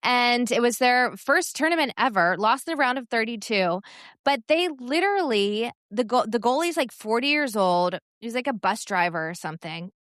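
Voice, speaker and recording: A woman's voice: fairly high pitch, lively intonation, normal speed, a bit bright, no echo, studio quality. A woman co-hosting a podcast, chatting casually about sports with many fillers and laughs. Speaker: podcast co-host.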